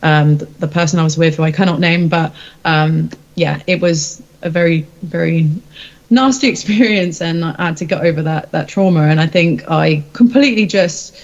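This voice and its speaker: Being interviewed as a singer, a deep-voiced woman talks at a moderate pace, casual and self-reflective, hesitating as she offers candid replies. The recording sounds dull.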